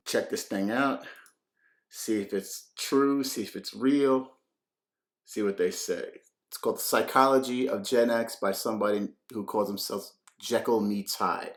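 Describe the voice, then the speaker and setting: A man's voice: on the low side, reverberant. A man in his fifties doing a rambling, profane reaction commentary, laughing often. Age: 50s. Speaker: reaction video host.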